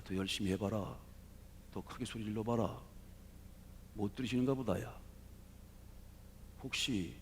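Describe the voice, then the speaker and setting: Preacher doing a taunting prophet. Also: male voice, lowish voice, vocal fry, darkish tone, a little hiss or hum. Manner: taunting, goading. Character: bold male prophet mocking rival priests.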